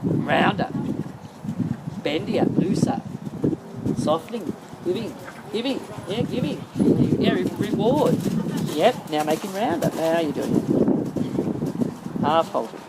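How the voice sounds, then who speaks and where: A woman's voice: mid-range voice, lively intonation, slow, pauses often. A woman working as a horse-riding instructor, calling out short, insistent, repeated coaching commands in an outdoor arena. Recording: outdoor noise over camera microphone. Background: outdoor ambient noise.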